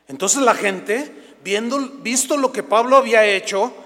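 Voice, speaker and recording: A man from Mexico preaching a Sunday sermon as pastor, animated and acting out scenes from scripture in quoted voices. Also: very high-pitched, a little slow, long reverb tail. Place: church sanctuary.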